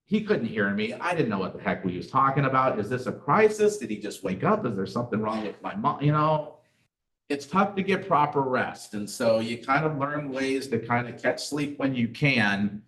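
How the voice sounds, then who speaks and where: A middle-aged man leads a casual community class, chatting conversationally and weaving in personal stories and rhetorical questions. His medium-pitched voice is very animated and a bit bright, at a moderate pace. He was recorded from a distance, off-mic, with a roomy echo.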